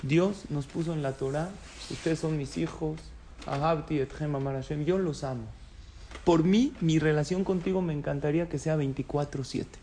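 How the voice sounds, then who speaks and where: A man giving a sermon as a rabbi, animated storytelling that acts out the voices of people in his tales. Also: a little high.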